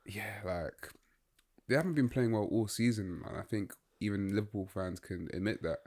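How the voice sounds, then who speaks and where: A man's voice: on the low side, moderate pace, darkish tone. A young man, co-hosting a casual football chat and rambling through his opinions with lots of fillers. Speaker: podcast co-host.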